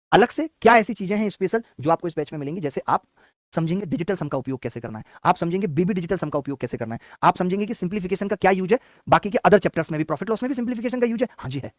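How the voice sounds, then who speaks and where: A man teaching math, introducing a live exam-prep class in a rapid, exhortative lecturing manner. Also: high-pitched, no echo, studio quality.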